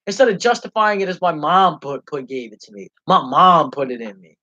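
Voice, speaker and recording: A young livestream host with a fairly high, sharp-toned voice speaks fairly quickly and with animation. His unscripted rant is angry, passionate, and packed with swearing, captured in dull, lo-fi stream audio.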